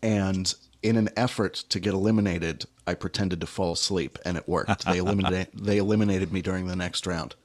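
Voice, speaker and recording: A man's voice: deep voice, steady tone, brisk, few pauses. A man hosting a podcast, easygoing, leading the topics in casual chat. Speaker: podcast host.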